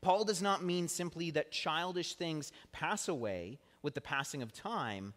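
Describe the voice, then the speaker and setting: A man's voice: fairly high pitch, animated, unhurried, a bit bright. A young man preaching a sermon, explaining scripture in an earnest teaching tone with touches of self-deprecating humor. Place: church sanctuary. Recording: long hall reverb.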